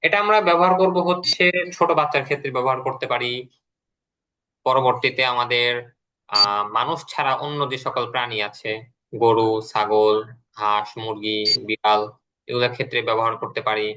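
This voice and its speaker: A man teaching English to adult learners in an online class, patiently repeating words slowly for them to follow. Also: medium pitch, fairly even intonation, bright, forceful tone, clear, resonant tone, low-quality recording.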